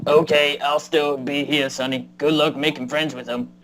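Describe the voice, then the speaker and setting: A man's voice: fairly high pitch, fairly even intonation, moderate pace, fairly bright tone, close to an everyday voice, low-quality recording. An actor playing a homespun old man in his sixties who lives alone in a mountain cabin, talking in a folksy rural drawl. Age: 60s. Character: frail old male mountain neighbor, homespun.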